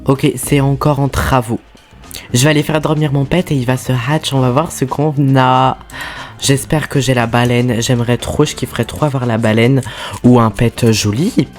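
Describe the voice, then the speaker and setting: Woman gaming streamer, excitable, squealing outbursts, casual commentary, soft music behind. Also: rumbling low, normal speed. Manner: excitable, bursts into loud squeals. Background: faint background music.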